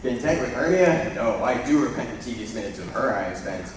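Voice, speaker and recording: A man's voice: medium pitch, animated, a little fast, a little hiss or hum, lightly acted. A young man playing an ardent young Athenian lover in a school stage play, delivering verse with playful swoops. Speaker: stage actor. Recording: echoey hall from far off.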